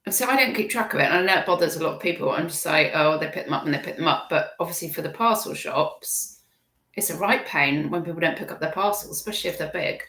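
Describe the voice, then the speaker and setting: A woman's voice: sits low, expressive, fast. Chatty British woman in an echoey kitchen. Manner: chatty, self-interrupting, warm chuckles. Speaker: reseller hosting a live stream. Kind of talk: rambling casual chat, reading viewer comments. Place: home kitchen.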